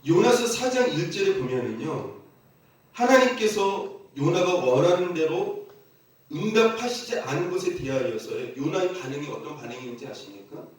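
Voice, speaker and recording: A man's voice: a little high, sing-song, moderate pace. A man preaching a sermon as pastor, asking the congregation emphatic questions and leading them in call-and-response repetition. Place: church sanctuary. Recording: very echoey church from a distant mic.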